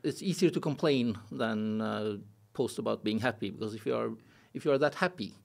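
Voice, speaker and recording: A middle-aged man from Norway talks as a podcast guest in an easygoing, mid-range voice. He speaks calmly with dry humor and pauses often to hesitate. He is recorded close on a desk boom mic in a studio. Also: creaky. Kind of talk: casual interview chat. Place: studio set with blue walls and a wooden table. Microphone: desk podcast mic on boom arm.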